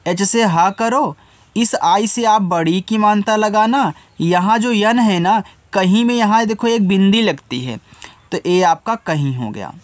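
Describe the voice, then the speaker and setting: A man's voice: sits high, a little slow, no echo. A man teaching a beginners' spelling lesson, patiently spelling each word out letter by letter before reading it.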